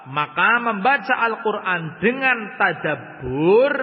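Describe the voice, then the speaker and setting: A man, a religious teacher giving a mosque study-circle lecture, reading Arabic text and explaining it, swinging between loud declaiming and quiet asides. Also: high voice, big pitch swings, slow pace. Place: large mosque hall. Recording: muffled, long reverb hall sound.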